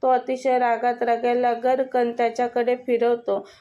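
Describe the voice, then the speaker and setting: A woman's voice: on the high side, completely flat delivery, normal speed, mellow, muffled recording. A woman with a Marathi accent reading a romantic story aloud, voicing all the characters' lines in her own voice. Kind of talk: scripted story narration.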